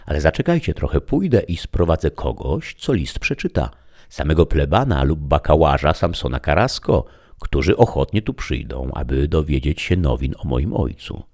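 A man voicing an eager fourteen-year-old peasant girl in a read-aloud classic novel, her lines high and excited. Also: moderate pace, heavily acted.

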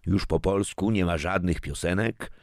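A man voicing a stubborn, grumpy old grandfather who talks in a gruff, grumbling way, as part of a read-aloud story. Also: low-pitched, normal speed, darkish tone, no echo, studio quality, pitched above the performer's own voice.

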